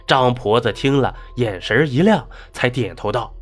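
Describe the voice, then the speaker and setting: A man's voice: medium pitch, animated, normal speed, faint music behind. A man narrating a folk ghost story in a dramatic, rising and falling delivery.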